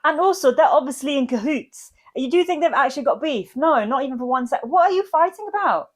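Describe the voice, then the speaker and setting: A woman's voice: sits high, animated, fast. A woman co-hosting a podcast in casual comedic chat, with a playful, giggly manner. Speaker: podcast co-host.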